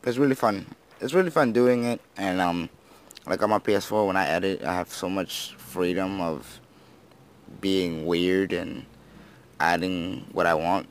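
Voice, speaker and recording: A teenage boy with a notably deep voice rambles through casual commentary as he plays. He apologizes often, laughs at himself and slurs some words, sounding freshly woken. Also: unhurried. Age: teens. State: just woken up. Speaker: gaming YouTuber.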